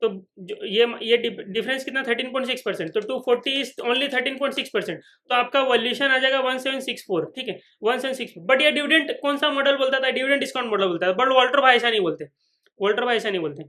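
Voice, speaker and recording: A man's voice: extremely high pitch, fast, hardly any pauses, bright, forceful tone. A man teaching a finance lecture at a whiteboard, who repeats each point and keeps checking that the students follow. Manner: voices imagined students' questions.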